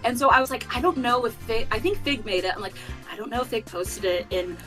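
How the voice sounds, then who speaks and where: Woman dev, casual storyteller, slightly high, music behind. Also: fast, fairly bright tone, low-quality recording. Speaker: game developer. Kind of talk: casual chat.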